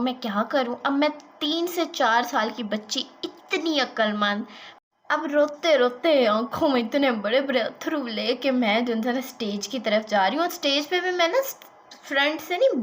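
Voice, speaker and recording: A woman with a high voice tells a childhood story in a casual vlog. She is animated and chatty and slips English words into her talk. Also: normal speed. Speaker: vlogger.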